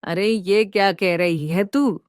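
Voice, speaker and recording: A woman's voice: mid-range voice, takes it slowly, smooth, no room sound, studio quality, lightly acted. A woman voicing a greedy, scheming middle-aged mother-in-law in a cartoon, bossy and nagging. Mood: scolding. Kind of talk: cartoon voice acting.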